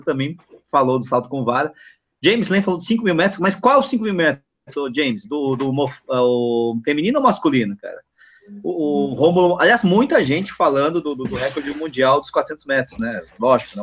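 A man's voice: fairly high pitch, fairly bright tone, breathy edge. A man co-hosting a sports stream, casually reading viewer comments aloud and chatting. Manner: chatty, quick agreeing interjections. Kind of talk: casual chat.

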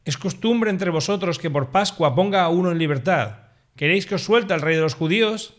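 A stern male Roman governor presses his questions in a measured, slightly high voice, read by a man. He sounds like part of a liturgical Gospel reading rather than a dramatized voice. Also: close to an everyday voice. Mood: questioning.

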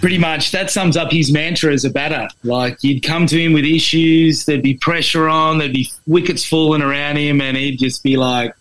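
A man's voice: fairly high pitch, fairly even intonation, moderate pace, few pauses, a bit bright. An Australian man as a podcast guest, talking sport in a laid-back, matey, colloquial way. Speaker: podcast guest, former cricket coach. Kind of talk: casual sports chat.

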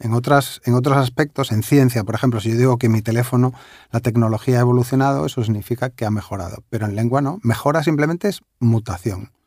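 A man with a Galician accent, a language expert guest, explaining word usage in a relaxed, playful conversational way. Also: mid-range voice, fast talker, dry recording, clean studio sound. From Galicia, Spain. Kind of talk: conversational interview.

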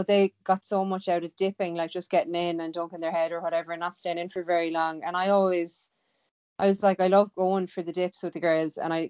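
A woman with a west of Ireland accent chats informally in a clear, smooth voice that sits a little low. The sound is dry, with a slightly muffled, lo-fi edge. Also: darkish tone, no room sound. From Galway, west of Ireland. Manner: chatty, informal. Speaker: interview guest, sea swimmer. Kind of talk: casual chat.

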